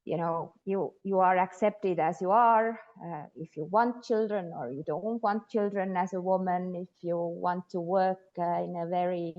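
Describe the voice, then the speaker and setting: A woman's voice: on the low side, steady tone, measured pace, few pauses, lo-fi sound. A woman from Estonia, a guest sociologist answering interview questions thoughtfully with frequent hesitations. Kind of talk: interview conversation.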